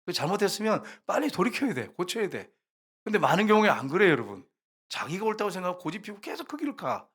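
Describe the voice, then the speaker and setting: Preaching a sermon, this male pastor tells a story with great vividness, performing different voices and even rooster crows while frequently speaking directly to the congregation. His voice is high, very animated and a bit bright, with a breathy edge, and he talks fast.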